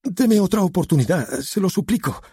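A man's voice: high voice, expressive, a little fast, warm tone, slightly rough, dry recording, clean studio sound, pitched above the performer's own voice, heavily acted. A man voicing a timid bit-part actor who whines and begs for another chance. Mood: pleading. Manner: whining, begging.

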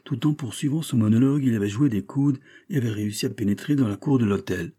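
A man reading a classic novel aloud as audiobook narrator, measured storytelling. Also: mid-range voice, dark tone, slightly rough.

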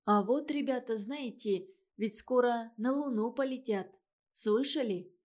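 A woman's voice: a little high, a little slow, darkish tone, close to an everyday voice. A woman reading a story and voicing a proud, spirited schoolgirl in an eager, insistent way.

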